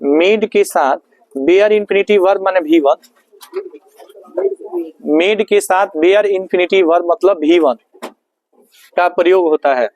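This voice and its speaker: A man's voice: sits high, a little slow, long pauses, darkish tone, no room sound, lo-fi sound. A male teacher running a grammar lesson in a classroom, firing repeated questions at his students.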